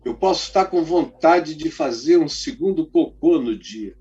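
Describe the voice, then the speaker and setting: A man voicing a huge, domineering American missionary who shouts orders with self-righteous certainty, in a dull recording with faint music. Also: a little high, animated, normal speed, husky. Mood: smug.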